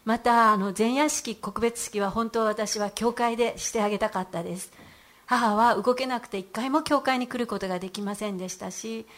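A woman's voice: on the high side, normal speed. Earnest middle-aged woman giving a testimony. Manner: earnest and heartfelt, with frequent hesitant fillers. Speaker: church member giving a testimony. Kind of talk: spoken church testimony.

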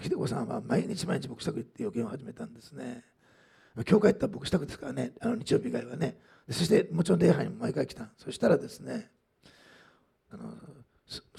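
Man in sermon mode, husky and gravelly, chatty asides, lively pitch. Pastor type. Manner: conversational, frequent "ね" asides, many fillers. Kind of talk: sermon with testimony.

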